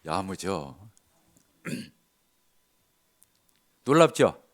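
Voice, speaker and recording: A man's voice: low voice, very slow, slight background noise. A middle-aged male pastor tells stories from his church in a sermon and acts out the dialogue. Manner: animated, acts out dialogue with shifts of voice. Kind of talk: sermon storytelling.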